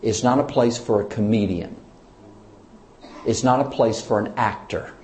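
With a fairly low pitch and a measured delivery, a church leader preaches in a reverberant room carrying a slight hiss or hum. He engages his audience with questions, speaking with liveliness and strong emphasis.

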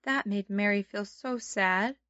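A dry, slightly dull recording of a woman with a middle-pitched voice. She talks like a Sunday school teacher, telling a children's Bible story and leading young listeners in short, simple phrases. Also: unhurried, a bit bright, dry recording. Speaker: children's Bible lesson host.

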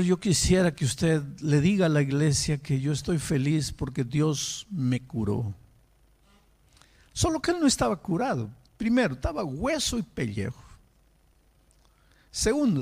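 A man's voice: a little high, very animated, moderate pace, vocal fry, a little mellow, husky. A male pastor preaching a sermon, telling a story and rising to impassioned emphasis.

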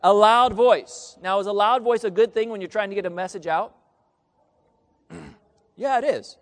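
This preacher has a high-pitched voice and a moderate pace. He reads scripture aloud during his sermon and asks the congregation questions they call back in response, all echoing in a large hall's long reverb.

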